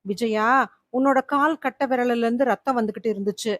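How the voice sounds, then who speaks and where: A woman storyteller doing an anxious, pleading middle-aged husband in a horror tale, spoken fairly high and dry, close to the mic. He sounds shaken and unsure. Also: brisk, no echo, natural voice. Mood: worried.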